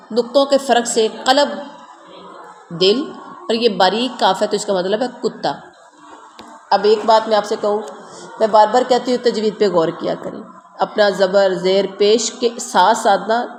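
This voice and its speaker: A woman teaching a word-by-word translation lesson to a class, explaining, repeating words and quizzing her listeners. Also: fairly high pitch. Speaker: Quran teacher. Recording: long reverb, faint ambient noise.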